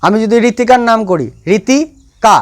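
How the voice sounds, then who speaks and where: A man teaches a science lesson in a high voice, repeating each point and firing questions at his students. Crickets and insects chirp faintly behind him. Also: expressive, normal speed. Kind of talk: classroom lecture.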